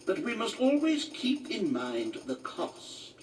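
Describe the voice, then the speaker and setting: Game royal adviser: formal, courteous, theatrical, very expressive pitch, distant sound. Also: male voice, takes it slowly, full character voice. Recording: distant game audio, background noise.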